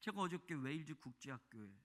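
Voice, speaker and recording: A male pastor preaching a sermon. He swings from shouting fervor to quiet, chatty asides. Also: on the high side, lively intonation, quick pace. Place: church sanctuary. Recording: long reverb of a church hall.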